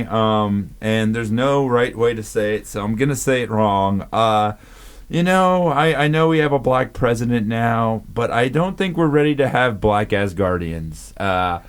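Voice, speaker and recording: A man's voice: mid-range voice, clean tone. Rambling man on a comedy podcast. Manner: rambling, many restarts and fillers, swearing. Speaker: podcast co-host. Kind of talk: casual comedy podcast chat.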